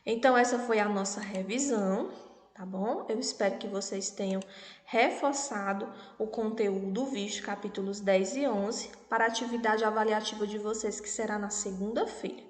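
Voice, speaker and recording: A Brazilian woman teaching an online lesson for young children, speaking patiently and spelling words out clearly, often checking in with the class. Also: medium pitch, fairly even intonation, normal speed. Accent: Brazilian Portuguese. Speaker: primary school teacher. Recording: echoey room with long reverb.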